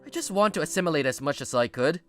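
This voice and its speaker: In a manga dub with soft background music, a woman uses a deep, expressive, somewhat bright voice and talks fast. She plays a defensive, stubbornly guarded and exasperated young male office recruit, handling both the dramatized first-person narration and his lines.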